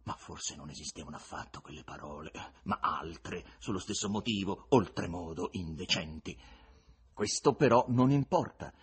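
A man reading a novel aloud as an audiobook, expressive and dramatic. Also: deep voice, normal speed, slightly rough. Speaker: reader.

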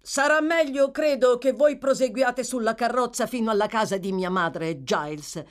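A woman reading an audiobook, voicing an impulsive young gentleman anxious for news, his voice trembling. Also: on the high side, normal speed, pitched above the performer's own voice, lightly acted. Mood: urgent. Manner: urgent, trembling with hope.

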